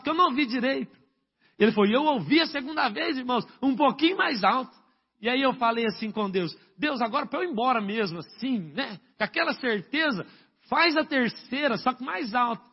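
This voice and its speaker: A man's voice: high-pitched, husky, dull audio. A man, a pastor, preaching a sermon and telling stories animatedly, acting out the quoted dialogue. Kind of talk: sermon storytelling.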